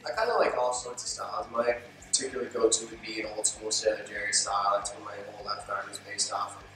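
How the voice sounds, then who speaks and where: A man's voice: on the low side, steady tone, quick pace. A twenty-two-year-old man speaking matter-of-factly in a seated interview. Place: studio with gray backdrop. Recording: very echoey, mic off at a distance, music bed.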